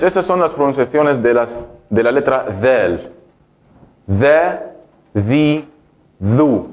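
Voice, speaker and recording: A man from Egypt whose first language is Arabic, teaching an Arabic lesson and patiently repeating each word slowly for practice. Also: mid-range voice, muffled recording.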